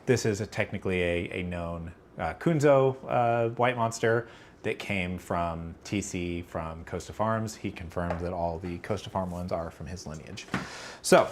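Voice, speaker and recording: A man with a fairly low voice chats through a casual livestream, circling his points with fillers and restarts. He is battling allergies as he talks. A faint hum of room noise sits behind him. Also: a little slow. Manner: rambling, filler-heavy, self-correcting. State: allergies, about to sneeze. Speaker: livestream host answering chat.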